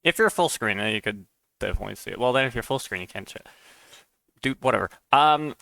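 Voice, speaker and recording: A man's voice: medium pitch, fast, vocal fry, sharp tone, no room sound. A man streaming live while he codes, rambling and stammering through casual chat and often saying "dude". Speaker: streamer and mod developer.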